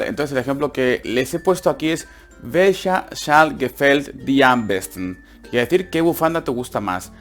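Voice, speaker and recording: A man with a Spanish accent from Spain giving a casual online language lesson, repeating words slowly and patiently to drill pronunciation. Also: medium pitch. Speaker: online German teacher.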